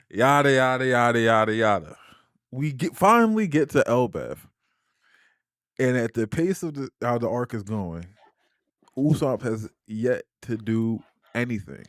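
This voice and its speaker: A man's voice: mid-range voice, dry recording, clean studio sound. Argumentative man on a headset mic. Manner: argumentative, presses his point through interruptions. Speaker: podcast co-host. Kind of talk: casual podcast chat.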